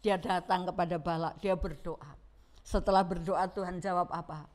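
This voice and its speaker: A woman's voice: lowish voice, moderate pace. A middle-aged woman with a Javanese accent preaching a Sunday sermon, telling the story vividly and acting out the quoted lines. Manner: lively storytelling, acts out quotes, mixes in Javanese phrases.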